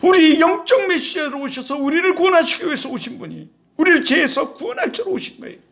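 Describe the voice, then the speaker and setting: Pastor guy preaching, chatty and animated, really high voice. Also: fast. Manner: animated, conversational preaching with rhetorical questions. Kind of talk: sermon.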